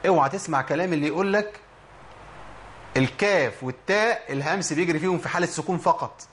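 An Egyptian man gives a Quran pronunciation lesson in a slightly high voice. He stretches and repeats example words to drill each sound. Faint noise sits under the recording. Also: fast talker, a bit bright. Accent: Egyptian Arabic. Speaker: Quran recitation teacher. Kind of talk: Egyptian Arabic tajweed lesson.

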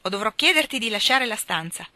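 A woman's voice: a little high, animated, fairly quick, bright, forceful tone, no room sound. A woman reading aloud and voicing a strict, proper older mother who scolds her daughter. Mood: stern.

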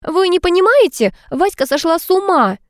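A woman voicing a shrill, defensive woman companion who bursts out shrieking in an audiobook. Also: lively intonation, a little fast, no echo, clean studio sound, natural voice.

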